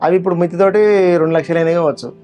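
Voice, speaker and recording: A man playing a fast-talking, nagging father. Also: fairly high pitch, steady tone, a little mellow, faint music behind, close to an everyday voice. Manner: nagging, complaining. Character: middle-aged farmer father fretting over his debts.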